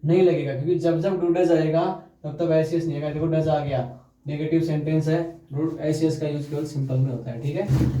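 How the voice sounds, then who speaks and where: A man's voice: fairly high pitch, flat delivery, warm tone. Echoey grammar teacher quizzing his class. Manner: quizzes students with repeated questions, dictates examples slowly. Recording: echoey room, far from mic.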